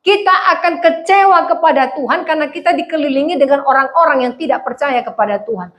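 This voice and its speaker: A middle-aged woman pastor, preaching a lively conversational sermon and acting out voices. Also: high voice, fast talker. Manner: animated, acts out voices, laughs often.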